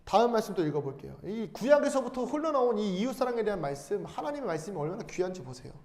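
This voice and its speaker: A male pastor preaching a sermon, asking the congregation questions and answering them himself, and reading scripture aloud slowly. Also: sits high, sing-song, darkish tone. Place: church sanctuary. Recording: long hall reverb.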